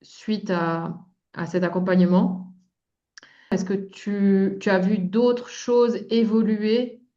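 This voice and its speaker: The sound is dull and lo-fi. A woman with a medium-pitched voice conducts an informal interview, building her questions haltingly, piece by piece. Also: fairly even intonation, warm tone. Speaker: interviewer, coach.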